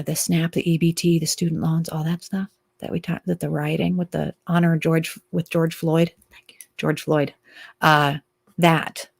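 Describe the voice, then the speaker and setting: A woman's voice: low voice, no echo. A woman from Minnesota hosting a solo political commentary show, talking casually and sarcastically, rambling, and dropping into whispered asides.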